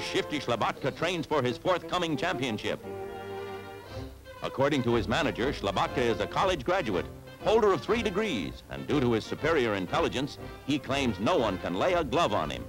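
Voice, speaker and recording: A man's voice: mid-range voice, big pitch swings, normal speed, poor audio. A man in an old newsreel style, announcing each item with emphatic mock-serious delivery. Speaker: newsreel narrator. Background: music.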